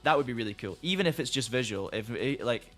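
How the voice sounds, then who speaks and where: A man's voice: medium pitch, lively intonation, fast talker, fairly bright tone, faint music behind. A man chatting casually on a live stream, rambling and restarting sentences as he reads out viewer comments, saying he is losing his voice. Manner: rambling, friendly, many restarts.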